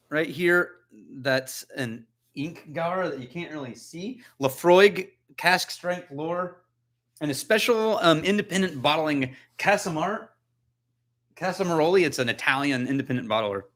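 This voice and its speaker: Bright-voiced guy doing a chill live whisky tasting from his house, jokey, thinks out loud, answers chat. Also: a little high, a little slow. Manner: chatty, joking, thinks aloud while tasting. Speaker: whisky channel host. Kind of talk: casual livestream tasting, reading viewer comments.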